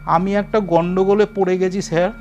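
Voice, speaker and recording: A man's voice: sits high, flat delivery, brisk, darkish tone, dull audio, soft background music, pitched above the performer's own voice. A man voicing a timid, newly dead male ghost who whines and pleads tearfully.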